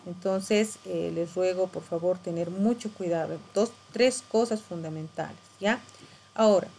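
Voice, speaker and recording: A woman's voice: medium pitch, a little mellow, a little hiss or hum, low-quality recording. Patient woman teacher walking through a lesson. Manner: patient, instructive, frequent tag questions. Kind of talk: screen-share tutorial lesson.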